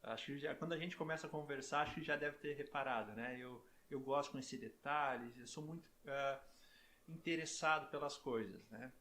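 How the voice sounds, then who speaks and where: A middle-aged man from southern Brazil, a professor talking as a guest in a relaxed interview, chatty and full of "né?" tags and restarts. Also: medium pitch, brisk, slight background noise.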